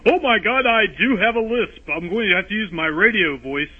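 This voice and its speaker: This voicemail caller has a high, slightly rough voice with lively intonation and a moderate pace. Talking in circles to podcast hosts, he keeps restarting and sounds anxious about his lisp, all through a tinny phone-line recording.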